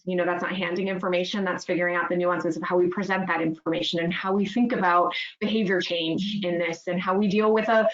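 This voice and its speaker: A woman's voice: on the low side, little pitch movement, quick pace, hardly any pauses. A woman speaking as a city official on a webinar panel, fluent and emphatic. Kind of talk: unscripted panel answer. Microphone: video call. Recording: roomy, dull video call audio.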